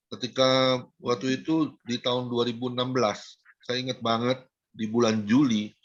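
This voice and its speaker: A middle-aged male evangelist shares his testimony in a sermon, his voice climbing high whenever he leans into a point. He sits at a mid pitch for a man. The sound is dull and lo-fi, as if it came through a video call. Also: fairly bright tone. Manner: emotional storytelling, pitch rises high when stressing. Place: home, joining an online service.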